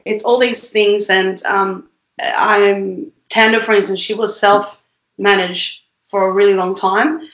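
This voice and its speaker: A young woman from Sweden talks freely as a guest, full of fillers, restarts and soft laughs. Her voice sits at an ordinary middle pitch. The room gives it a noticeably echoey, roomy sound. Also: steady tone, takes it slowly. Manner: chatty, many fillers and restarts, laughs often. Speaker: independent musician, guest. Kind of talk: casual interview chat.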